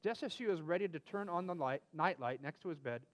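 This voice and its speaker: A man hosts a children's storybook reading, acting out the characters' lines and bantering casually along the way. His voice is fairly high, animated and quick.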